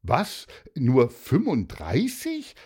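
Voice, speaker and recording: A proud, warm-hearted father from a storybook, emphatic and booming, as a man reads him aloud. His delivery is slow and deliberate with wide, lively swings in pitch. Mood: surprised.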